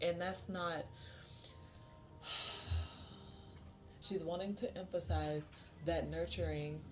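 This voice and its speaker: A spiritual card reader giving a channeled reading to viewers, repeating phrases for emphasis, with many pauses and fillers. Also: mid-range voice, fairly even intonation. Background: music.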